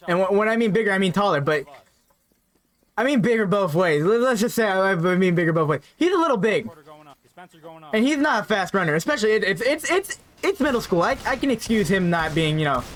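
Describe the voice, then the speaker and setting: High-voiced young man telling a story. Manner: rambling, repeats words, frequent "right?" asides. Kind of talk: casual spoken storytime.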